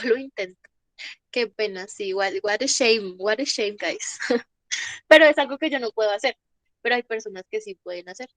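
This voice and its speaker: A woman's voice: a little high, fairly bright tone, no echo. A woman with a cold, teaching an online English class with patient explanations and laughs at her own jokes. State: has a cold.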